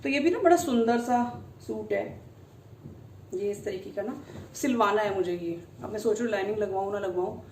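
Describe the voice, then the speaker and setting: A woman's voice: mid-range voice, moderate pace, darkish tone, slight background noise. A woman in her thirties chatting casually in a family vlog, rambling and laughing often. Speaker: family vlogger.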